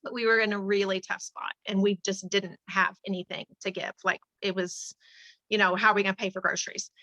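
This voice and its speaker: A woman's voice: medium pitch, little pitch movement, a little fast, pushed and bright, dry recording, poor audio. A middle-aged woman, a teacher and advocate, telling a personal story in conversation, earnest and emotional, with many fillers and restarts. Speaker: interview guest, teacher and charity advocate.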